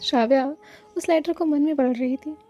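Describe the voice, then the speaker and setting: A woman narrating a romance story in a plain, steady way. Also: high-pitched, normal speed, muffled recording, soft background music.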